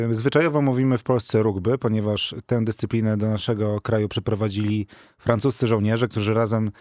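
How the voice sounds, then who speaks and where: Middle-aged man, lowish voice, dry studio sound, patient explainer with fillers. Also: darkish tone, no room sound. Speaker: rugby club president, guest. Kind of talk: radio interview.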